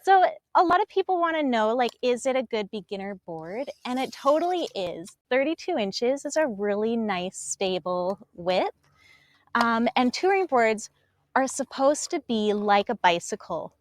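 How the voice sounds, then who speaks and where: A young adult woman co-hosting a casual live stream from a dock on a lake, chatty and quick to laugh. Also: on the high side, no echo. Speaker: co-host presenting paddleboards. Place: outdoors on a floating dock on a lake.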